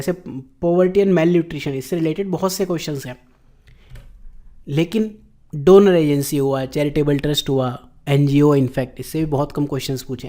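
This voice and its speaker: A middle-aged man with an Indian accent, lecturing on exam questions and slowing down to read each question out. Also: a little high, dark tone. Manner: explanatory, slows down to read English question text. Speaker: exam coaching teacher.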